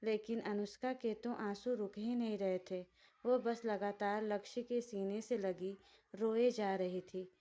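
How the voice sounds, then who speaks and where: A woman storyteller giving scripted narration of a romantic drama in a steady, dramatic way. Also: medium pitch, measured pace.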